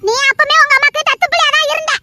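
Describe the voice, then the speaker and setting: Woman doing an angry high-pitched scolding wife, super bright sharp voice. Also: level tone, racing, no echo, full character voice. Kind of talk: dubbed serial drama with one voice doing many roles.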